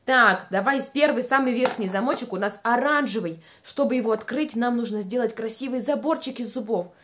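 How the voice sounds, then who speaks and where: A young woman with a high voice leads small children through speech exercises. She is playful and encouraging, animated in delivery, and over-enunciates her words. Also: fairly quick, noisy background. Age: young adult. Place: small room at home by a window.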